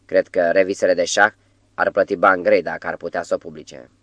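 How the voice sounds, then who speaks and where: A man voicing a composed, gracious young queen who speaks quietly and with control. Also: low-pitched, fairly even intonation, no echo.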